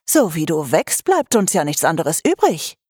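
A woman's voice: low-pitched, big pitch swings, normal speed, a little mellow, husky, no room sound, full character voice. A stern, no-nonsense mother scolds in a dry, close voice, read by a woman narrator. Her tone swings widely while she lectures plainly in an audiobook scene. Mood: scolding. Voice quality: blunt, scolding. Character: stern, practical mother, middle-aged woman. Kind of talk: audiobook character voice.

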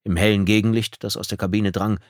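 A man narrates an audiobook in a steady, measured storytelling style. His voice sits on the low side, and the scripted reading comes through as clean studio sound with no echo.

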